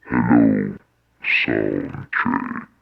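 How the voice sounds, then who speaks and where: A man testing a sound card's voice changer, which turns his voice deep and pitch-shifted, saying slow test phrases. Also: fairly even intonation, vocal fry, breathy edge, muffled recording, exaggerated voice. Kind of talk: sound card demo.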